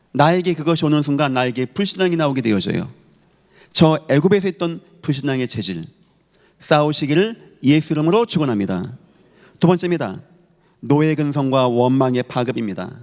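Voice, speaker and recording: A male pastor delivering an emphatic sermon, asking rhetorical questions and answering them. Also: medium pitch. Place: church sanctuary. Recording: reverberant church hall.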